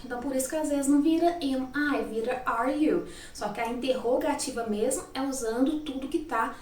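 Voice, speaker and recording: A woman's voice: fairly high pitch, recorded from a distance. A woman teacher with a Brazilian Portuguese accent giving a casual grammar lesson, often checking in with little tag questions. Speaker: English teacher. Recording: echoey room, voice a little off-mic.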